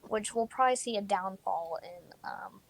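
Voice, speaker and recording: A woman's voice: mid-range voice, normal speed, gravelly, slight background noise. Hesitant teen girl co-host. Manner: hesitant, many ums. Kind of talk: casual podcast chat.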